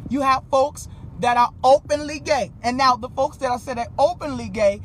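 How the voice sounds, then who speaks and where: A woman hosting a live stream, talking in an animated way with preachy asides and frequent laughter. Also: high-pitched, normal speed. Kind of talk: casual live-stream talk. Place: hot room in Las Vegas. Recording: noisy live-stream audio.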